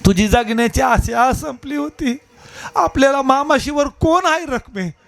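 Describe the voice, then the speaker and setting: A man's voice: extremely high pitch, unhurried, gravelly, a bit bright, voice pushed up, heavily acted. A male preacher voicing a weary, devoted village husband who speaks earnestly in dialect. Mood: consoling.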